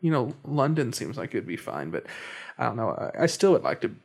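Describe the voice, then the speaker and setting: A man's voice: medium pitch, big pitch swings, brisk, creaky. A young man hosting a casual podcast chat, often hesitant and restarting his sentences. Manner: hesitant, many restarts and stammers. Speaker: podcast host.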